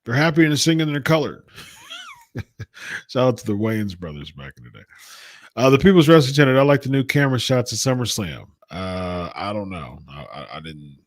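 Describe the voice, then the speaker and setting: An American man hosts a wrestling talk show, reading out chat comments and repeating his points with exasperated emphasis. His mid-range voice is expressive at a normal speed, and the clean studio sound has no room echo. It's casual live-chat commentary.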